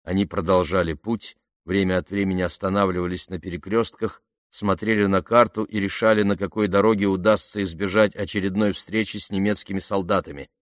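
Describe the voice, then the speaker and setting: A male audiobook narrator telling a story in an even, measured way. His voice sits low. The recording is close and dry, with no room sound. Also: no room sound.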